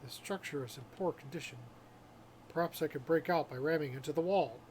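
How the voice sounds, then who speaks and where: A man's voice: fairly high pitch, fairly quick, darkish tone, a little hiss or hum, natural voice. A man voicing a stiff, pompous middle-aged male royal knight in a put-on French accent, formal and indignant. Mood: musing.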